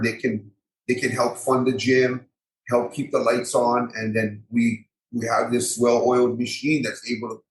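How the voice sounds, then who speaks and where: A man with a local Hawaiian accent chatting casually as an interview guest, repeating phrases and using colloquial grammar. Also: medium pitch. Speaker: MMA fighter and gym owner, podcast guest. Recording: echoey roomy sound.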